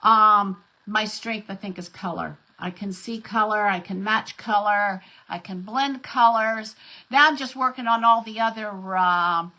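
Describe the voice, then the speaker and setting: Slow, bright-voiced woman greeting viewers. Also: mid-range voice, rough recording. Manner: chatty, greets viewers by name. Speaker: craft live-stream host. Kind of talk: casual live-stream chat. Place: home craft desk.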